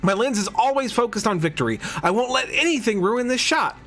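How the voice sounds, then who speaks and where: A man's voice: very high-pitched, expressive, brisk, fairly bright tone, faint music behind, voice pushed up. A theatrical young woman photographer who gushes over every challenger, as a man puts her on. The voice sits well above a man's usual register and leaps around. She reads like a video game gym leader, effusive and repetitive in her praise. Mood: gushing. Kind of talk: reading game dialogue aloud.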